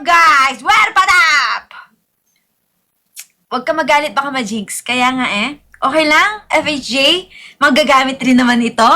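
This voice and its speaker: A woman with a Filipino accent hosting a casual live gaming stream in an upbeat, hyped way, coaxing viewers to follow and repost. She has a soft, calming voice. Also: high-pitched.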